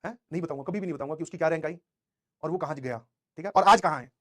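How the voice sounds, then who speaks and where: A young man teaching a class of exam students, telling a motivational story in an animated way, with English phrases mixed in. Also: on the high side, racing. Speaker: coaching teacher.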